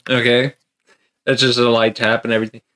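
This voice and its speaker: A man's voice: mid-range voice, level tone, fairly quick, a bit bright. A man running a tabletop game as game master, rambling with lots of fillers and frequent laughter.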